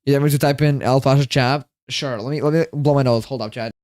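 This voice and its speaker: Tired male livestreamer, rambles and repeats lines to chat; smooth voice, dry close sound. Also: mid-range voice, steady tone, fast talker, a little mellow, dry recording.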